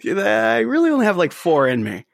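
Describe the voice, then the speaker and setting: A man's voice: high voice, huge pitch swings, moderate pace, creaky, dry recording, clean studio sound. A man co-hosting a podcast, rambling with lots of fillers and self-mocking jokes. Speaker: podcast co-host. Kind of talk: casual podcast banter.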